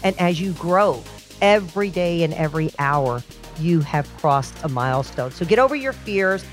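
A woman's voice: on the low side, animated, moderate pace, faint music behind. A middle-aged woman hosting a call-in psychic show, giving blunt, affectionate readings and calling callers honey and girl. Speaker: psychic reader and show host.

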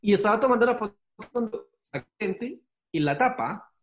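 A man speaks as a podcast guest in a loose, conversational way. His voice sits a little high. He is an animated, informal storyteller. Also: moderate pace. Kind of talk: casual anecdote telling.

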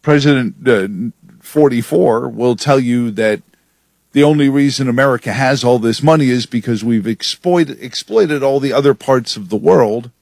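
Brief: male radio host, mid-pitched, emphatic and sardonic, dry close studio sound. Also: normal speed, creaky, darkish tone, no room sound. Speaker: radio talk show host. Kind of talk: talk radio monologue.

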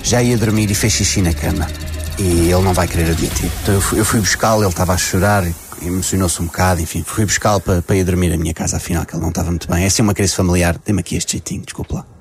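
A deep-voiced Portuguese man rushes through a nervous excuse at great speed. Clear music plays behind him. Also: fairly even intonation. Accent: European Portuguese. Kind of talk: improvised comic pleading.

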